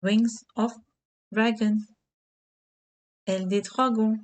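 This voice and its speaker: Slow, deliberate woman teaching French. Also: a little high, steady tone. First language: Hindi. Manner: slow and deliberate, repeating key words. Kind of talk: slow beginner French lesson with English glosses.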